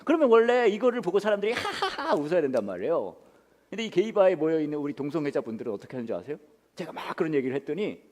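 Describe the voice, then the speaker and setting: 활기찬 목소리의 남성 목사 설교. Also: male voice, a little high, racing, long reverb tail. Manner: animated, shifts from soft hushed tones to loud punchy storytelling. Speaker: pastor. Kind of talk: sermon with comic storytelling.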